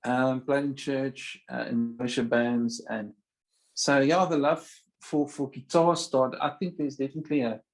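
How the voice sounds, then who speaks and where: A man's voice: medium pitch, steady tone, measured pace, rough recording. A man with an Afrikaans South African accent, chatting casually as a guest on a video call, often searching for his words. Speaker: interview guest, musician. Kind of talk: casual chat.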